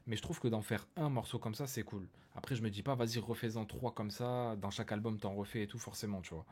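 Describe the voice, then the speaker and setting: A man's voice: fairly low pitch, steady tone, fast, darkish tone, slightly rough. A man hosting a rap reaction video, chatting casually with many fillers and restarts, hyping up his viewers.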